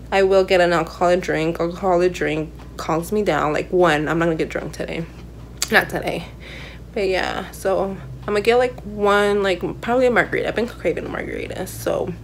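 A young woman talking straight to her handheld camera in a casual vlog, rambling in a nervous, excited way with lots of "like"s. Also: lowish voice, a little hiss or hum. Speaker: vlogger.

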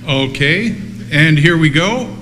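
An older man hosting a live prize giveaway as a booming, jovial announcer, joking with contestants over a handheld microphone. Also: expressive, slow, pushed and bright, in a large hall. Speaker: event host and prize announcer. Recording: noisy live event amplified sound.

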